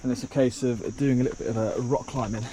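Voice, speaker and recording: A man's voice: medium pitch, steady tone, fast talker. Guy rambling to his camera on a hike, lots of ums, crickets and insects buzzing behind. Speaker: travel vlogger. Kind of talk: casual travel vlog narration. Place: outdoors on a rock trail. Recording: outdoor noise with insects and crickets.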